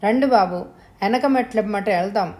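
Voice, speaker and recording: A woman's voice: mid-range voice, moderate pace, darkish tone, natural voice. A woman reading the part of an old male servant who speaks in rustic village talk, pleading and distressed. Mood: tearful.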